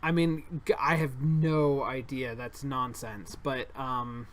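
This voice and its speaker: A man's voice: medium pitch, fairly even intonation, slow pace. A man streaming a board game live, chatting in a rambling way with mumbled asides that trail off. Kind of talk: casual live-stream chat.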